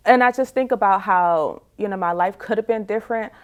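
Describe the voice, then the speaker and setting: Her pace a little fast and her voice mid-range, a woman in her forties gives an interview as a guest. She reflects openly on her personal experiences, chatting naturally and frequently dropping in "you know."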